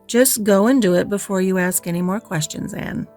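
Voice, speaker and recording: A woman reads an audiobook character, a stern middle-aged spinster who answers curtly and with open disapproval. Her mid-pitched delivery stays close to her own voice, dry and matter-of-fact, at a moderate pace with a darkish tone and light acting. Faint music plays underneath.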